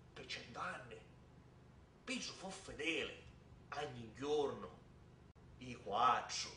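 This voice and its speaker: A man with a southern Italian, Sicilian accent telling a tale theatrically, with dramatic repetitions and pauses. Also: on the high side, fairly bright tone, slight background noise. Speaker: theatre storyteller. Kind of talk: theatrical oral storytelling in Sicilian dialect. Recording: echoey room, distant microphone.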